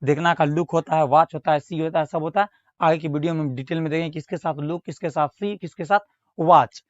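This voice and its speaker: A man with an Indian accent teaching English grammar in Hindi, reading example sentences slowly and carefully. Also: a little high, steady tone, dry recording. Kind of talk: Hindi-language grammar lesson with spoken examples. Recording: dull, slightly lo-fi recording.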